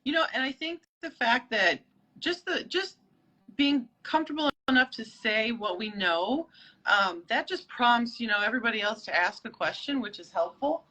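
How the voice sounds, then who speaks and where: A woman's voice: on the high side, expressive, normal speed, pushed and bright, poor audio. A woman co-hosting a casual live-stream chat, friendly and laughing often. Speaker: co-host.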